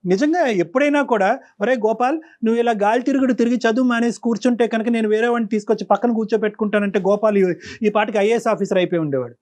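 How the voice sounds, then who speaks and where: A man's voice: sits high, quick pace, a little mellow. A man hosting a counseling talk show, probing the guests with pointed questions. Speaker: counselor host.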